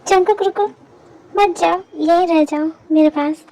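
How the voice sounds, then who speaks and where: A woman's voice: very high voice, steady tone, unhurried, warm tone, a little hiss or hum, rough recording. A woman voicing a young woman just woken from a coma in an amateur fan dub, emotional and pleading. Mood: tender. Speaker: fan dubber.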